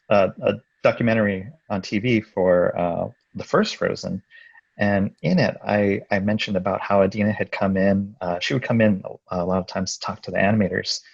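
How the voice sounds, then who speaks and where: A soft-spoken man with a low, gravelly, husky voice answers haltingly, with many pauses and fillers. The audio is muffled and dry. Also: no echo. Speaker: supervising animator. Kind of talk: panel answer.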